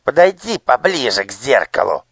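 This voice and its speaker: A man's voice: high voice, expressive, unhurried, vocal fry, no room sound, pitched above the performer's own voice, full character voice. A shrieking, cruel minister, all squeals and venom in a storybook reading. The voice sits far above a normal man's, thin and piercing, in a close, dry sound. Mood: shrieking rage. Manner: shouting, spitting with rage. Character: shrill, cruel male minister villain.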